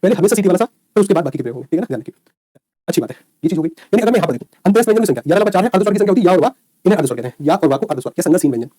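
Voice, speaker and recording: A man's voice: high-pitched, lively intonation, warm tone, dry recording, studio quality. A man teaching an online exam-prep lecture, repeatedly checking in with his students. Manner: rapid, repetitive checks with students.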